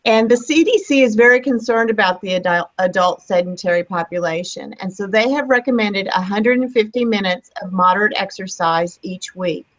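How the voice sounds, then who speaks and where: A woman's voice: mid-range voice, normal speed, few pauses. Woman in her fifties on a dull recording. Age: 50s. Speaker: student presenter. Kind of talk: presenting a literature review.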